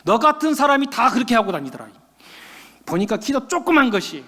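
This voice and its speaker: A man's voice: high voice, expressive, a little fast, vocal fry, fairly bright tone, exaggerated voice. A male pastor voicing a short-tempered restaurant owner who scolds and insults his customers. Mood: scolding. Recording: long church-hall reverb.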